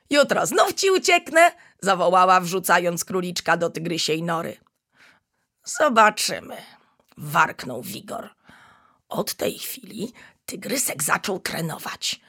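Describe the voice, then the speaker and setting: A woman reading a children's story aloud in an expressive storybook style. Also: on the low side, gravelly, slightly rough. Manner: expressive, animated.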